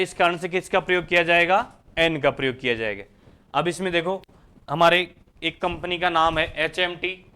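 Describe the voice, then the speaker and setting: A man from India explains grammar in a classroom lecture. His voice sits high and sounds bright and smooth. He poses question after question to the class and then answers each one himself. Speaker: English grammar teacher. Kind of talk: Hindi lecture explaining English articles.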